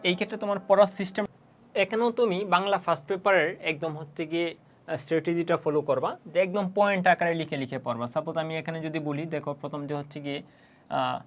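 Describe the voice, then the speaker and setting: A young man tutoring students for an exam, talking casually with lots of fillers and constant "okay?" check-ins, with a Bangladeshi Bengali accent. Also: fairly high pitch. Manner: rapid, repetitive teacher talk with frequent fillers and check-ins. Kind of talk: casual exam-prep lesson.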